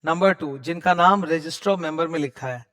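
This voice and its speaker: A young man runs an exam revision class on company law, his voice sitting a little high. He explains in a quick conversational way, then slows right down to dictate definitions word by word. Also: a bit bright. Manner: explains in Hindi, reads legal definitions slowly in English. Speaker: law teacher.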